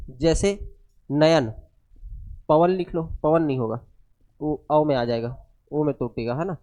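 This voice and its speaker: A man giving a step-by-step grammar lecture, unwell and low on energy, asking the class questions and answering them himself. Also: takes it slowly, dark tone. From India. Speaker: grammar teacher.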